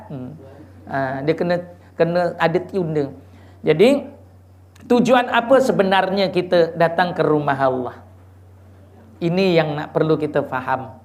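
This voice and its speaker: A man preaching a lively, teasing religious lecture in a mosque, quizzing the audience and chanting Quranic verses. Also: high voice. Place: mosque gathering.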